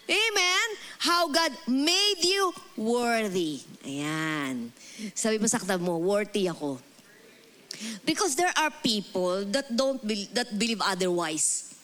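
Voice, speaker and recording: A woman pastor with a Filipino accent preaching a lively, humorous sermon. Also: sits high. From Philippines. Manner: mixes Tagalog and English, lively and humorous.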